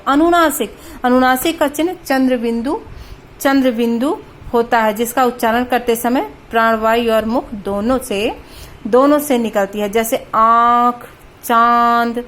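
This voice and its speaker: A woman teaching Hindi grammar, patiently explaining and sounding out letters slowly, sometimes mixing in English words. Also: a little high, a little hiss or hum. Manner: patient, repeats sounds slowly to demonstrate pronunciation. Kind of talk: explaining at a board.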